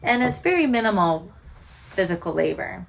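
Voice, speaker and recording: A woman's voice: medium pitch, very animated, normal speed, creaky, rough recording. A woman of about forty, a homesteading vlogger, talking earnestly to camera and posing rhetorical questions about her lifestyle. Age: 40s. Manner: earnest, candid, asks many rhetorical questions. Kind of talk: reflective direct-to-camera talk.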